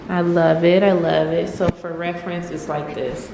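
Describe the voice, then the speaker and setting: A woman's voice: fairly low pitch, steady tone, moderate pace, background noise. A woman giving a chatty, informal apartment tour to her viewers, her voice carrying a big hall echo from an empty unfurnished apartment. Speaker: vlogger. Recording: echoey empty room with faint music.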